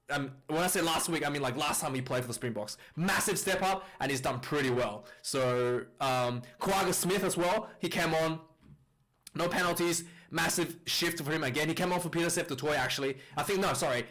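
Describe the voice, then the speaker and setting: A man's voice: a little high, a bit bright. A man casually reviewing a rugby match, rambling with fillers and restarts, recorded on a distorted, clipping mic. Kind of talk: casual video commentary.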